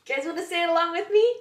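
Librarian lady doing storytime for kids, high voice, asks them lots of questions, roomy echo. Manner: playful, asks children questions. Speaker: children's librarian. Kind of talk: reading picture books aloud to children.

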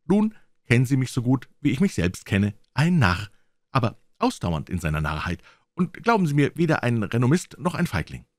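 A man voicing a bitter, desperate young man who breaks into high, overwrought outbursts. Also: very animated, moderate pace, no echo, studio quality, natural voice.

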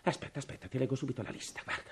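An actor playing a desperate, worn-out middle-aged state official with a breathless, pleading manner, in 1950s radio drama. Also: male voice, mid-range voice, very fast, husky. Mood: weary complaint. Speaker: worn-out family man begging for a revolver.

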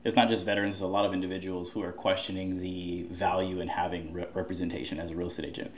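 A man's voice: deep voice, little pitch movement, quick pace, slight background noise. A man hosting a casual interview, conversational and a bit sarcastic, with many fillers.

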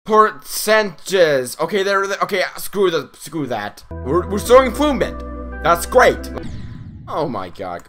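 A man recording let's-play commentary from inside a closet at night, excitable and frustrated, talking to his viewers. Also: sits high, a little slow, faint music behind. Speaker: gamer.

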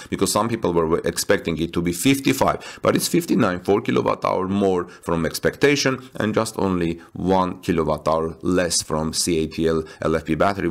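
A man with a somewhat low voice and vocal fry hosts a tech news channel, reading news as a voice-over over stock footage. He wanders into casual asides, halting with frequent fillers and restarting sentences.

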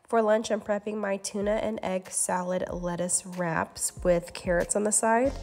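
A woman hosting a cooking channel, talking through recipe steps in a relaxed, instructive voice-over. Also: lowish voice. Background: faint background music.

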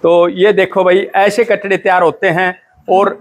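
A man's voice: sits high, little pitch movement, normal speed. A man from India hosting a buffalo farming channel, talking to viewers in a folksy, friendly way. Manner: folksy, addresses viewers as brothers. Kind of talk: casual farm interview.

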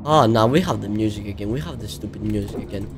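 A young man giving casual, excitable let's-play commentary, often yelling at the game. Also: fairly low pitch, fast, a little hiss or hum. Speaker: gaming video creator.

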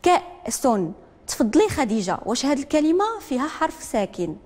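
Moroccan lady teaching literacy, says each word twice slow, lots of reverb. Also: sits high, sing-song, a little mellow. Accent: Moroccan Arabic. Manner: dictates slowly, repeats each word, calls on learners. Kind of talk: broadcast classroom lesson.

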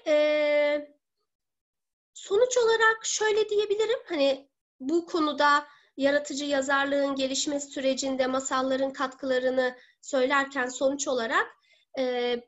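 A woman in her thirties teaches an online seminar from her living room, speaking deliberately in a high, slightly bright voice with halting, drawn-out words. She's picked up by a laptop or webcam mic on a video call, giving dull, lo-fi audio.

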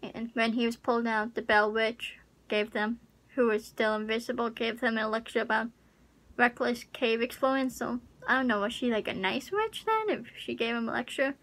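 A young YouTuber vlogs from her small pink bedroom, talking into a close webcam mic with a fairly high, slightly bright voice at a normal speed. She rambles uncertainly through a casual chat full of fillers. The air conditioner hums audibly throughout this home recording.

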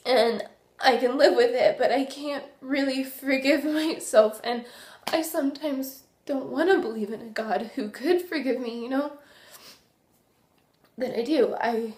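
A young woman acting a remorseful recovering addict in a dramatic monologue, halting and full of tragic sorrow. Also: high-pitched, darkish tone. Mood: remorseful, pleading. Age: young adult. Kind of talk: dramatic monologue, naturalistic confession. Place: small indoor room. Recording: roomy echo.

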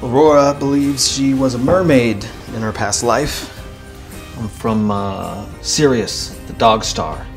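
A mellow gravelly new-age boyfriend. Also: male voice, mid-range voice, slow pace, faint music behind. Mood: earnest. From Florida. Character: laid-back new-age boyfriend, man, conspiracy talker.

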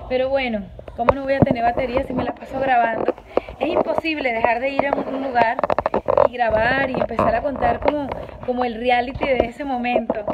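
High-voiced, dramatic woman vlogging. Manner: chatty, dramatic, exclamatory. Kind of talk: casual vlog chat. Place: at home. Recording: muffled with clear noise.

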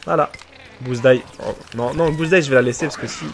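A man giving let's play commentary on a shooter game, excitable and joking as he mocks opponents and chats with his viewers. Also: medium pitch, fairly quick, a little hiss or hum. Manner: excitable, joking, teasing the enemy players; chatty with viewers. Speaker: gaming video creator.

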